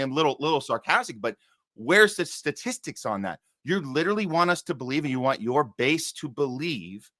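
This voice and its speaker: A man's voice: on the high side, bright, forceful tone, no room sound. A man talking politics on a show, emphatic, firing off rhetorical questions between fillers. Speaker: podcast host, guest. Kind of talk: casual political talk.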